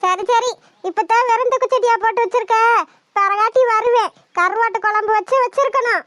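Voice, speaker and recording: A woman's voice: very high voice, fairly quick, fairly bright tone, dry recording, studio quality. A woman voicing a cheeky young granddaughter in a cartoon, teasing her grandmother with affection. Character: cheeky young village granddaughter back from town. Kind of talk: cartoon voice acting.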